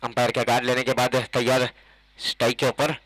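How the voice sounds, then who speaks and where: A man with an Indian accent giving excited live ball-by-ball cricket commentary as the match announcer. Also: medium pitch, brisk, no echo, low-quality recording.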